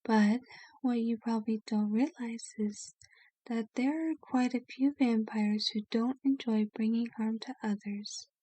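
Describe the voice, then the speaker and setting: Calm and candid, she plays a gentle, refined vampire in an ASMR roleplay, her soft voice occasionally breathy and her phrasing formal. She speaks a little slowly at a somewhat high pitch; the audio is poor quality but free of echo.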